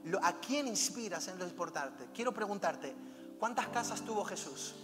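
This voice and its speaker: A man's voice: sits high, lively intonation, moderate pace. A man preaching a fervent, exhorting sermon and weaving in personal anecdotes, heard in a reverberant hall with music playing. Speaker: pastor.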